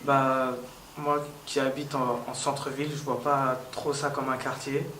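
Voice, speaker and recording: A hesitant eighteen-year-old man answers interview questions, pausing and restarting often. His voice stays flat in pitch. He sounds roomy and distant from the mic, with clear background noise. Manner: hesitant, many "euh" fillers and restarts. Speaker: local youth council member.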